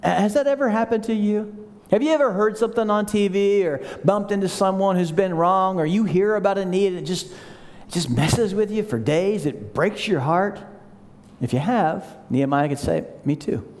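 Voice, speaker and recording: A male pastor delivers a sermon in a casual, animated tone, stumbling and restarting as he talks. His voice sits notably high. A long hall reverb hangs behind him. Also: normal speed. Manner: conversational, animated, frequent restarts.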